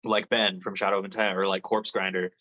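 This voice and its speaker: A man's voice: low voice, flat delivery, fairly quick, bright, forceful tone. A young adult man, a metal vocalist, chatting casually in an interview, laid-back and rambling with lots of fillers and swearing.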